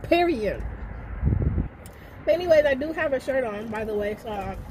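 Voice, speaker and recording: A young woman with a high, bright pitch chats loudly and playfully from inside a car. Her window is down, so clear traffic noise runs under every line. She hosts in a loose, joking way, raising her voice now and then to carry. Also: animated, normal speed. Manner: chatty, loud and playful, hollering over the noise. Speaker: vlog host. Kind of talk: casual chat.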